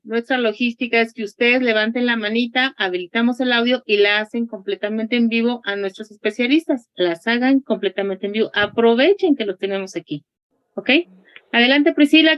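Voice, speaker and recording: Moderadora de voz aguda, sonido seco. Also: female voice, on the high side, no room sound, lo-fi sound. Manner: friendly, inviting questions. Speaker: moderator of an online Q&A. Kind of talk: live online moderation.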